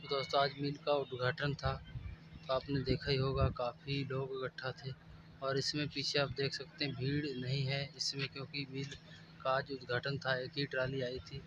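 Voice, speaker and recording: A man's voice: medium pitch, highs cut off. A man in his thirties with an Uttar Pradesh Hindi accent, filming a casual phone vlog outdoors and repeatedly addressing viewers as friends. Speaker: vlogger. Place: outdoors by sugarcane fields and a factory yard. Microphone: phone selfie at arm's length. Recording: noisy outdoor phone recording.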